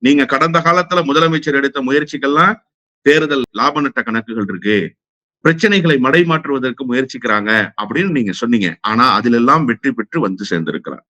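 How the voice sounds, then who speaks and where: A man's voice: medium pitch, animated, brisk, bright, forceful tone, no room sound. A man speaking as a political guest in a heated interview, combative and firing rhetorical questions.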